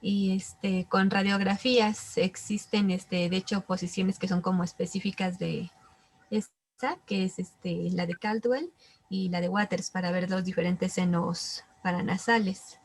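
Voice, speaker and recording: A woman's voice: medium pitch, steady tone, measured pace. Woman student explaining, hunting for words. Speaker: medical student. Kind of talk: class answer.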